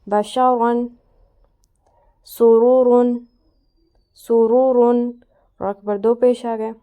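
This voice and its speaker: A woman teaching a Quran recitation lesson. She explains each rule patiently and says every example word slowly and clearly. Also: a little high, narrow, tinny audio. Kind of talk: tajweed lesson.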